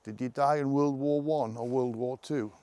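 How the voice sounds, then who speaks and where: A man hunting ghosts outdoors in a forest at night. He calls out questions to spirits, then talks quietly to his companion. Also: mid-range voice, steady tone, normal speed, clear, resonant tone, no echo. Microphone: camera held by a companion.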